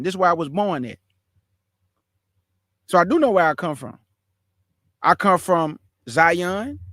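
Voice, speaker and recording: A man's voice: sits high, a bit bright. A man delivers heated commentary in a slightly raised voice, hammering each point over and over. He speaks straight to his listeners and calls them family. The sound is close and dry, with no room echo. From Houston, Texas, USA. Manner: emphatic, repetitive, addresses listeners as family. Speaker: commentator reacting to a sermon clip. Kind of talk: impassioned reaction commentary.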